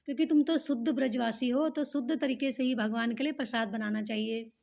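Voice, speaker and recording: A humble old ascetic saint, read by a woman narrator in a storybook telling. He scolds gently and pleads, with a high, gravelly voice. The recording is dull and lo-fi. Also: fairly even intonation, brisk.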